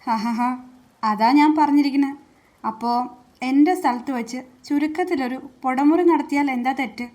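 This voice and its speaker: A woman's voice: sits high, moderate pace, a little mellow, close to an everyday voice. A woman voicing a confident middle-aged village man who arranges a marriage, talking in an assured, reassuring way.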